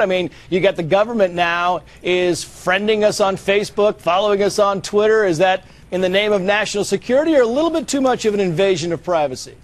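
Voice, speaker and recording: A man anchoring a cable news segment, speaking in a notably high voice. He presses his guests with brisk, prodding questions, often leaning on fillers and restarts.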